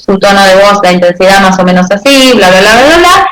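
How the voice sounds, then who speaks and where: Una profesora con acento argentino da una clase y a cada rato verifica con "¿sí?" que sus alumnos entiendan. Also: female voice, mid-range voice, lively intonation, brisk, roomy sound, crowd noise, poor audio. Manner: checks understanding with frequent "¿sí?". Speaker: teacher. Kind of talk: class lecture with questions to students.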